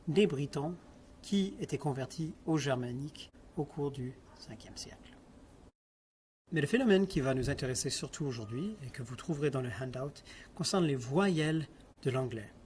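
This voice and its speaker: A man's voice: on the high side, a little mellow, slight background noise. A man lecturing on linguistics, explaining step by step, asking the class questions and repeating example words.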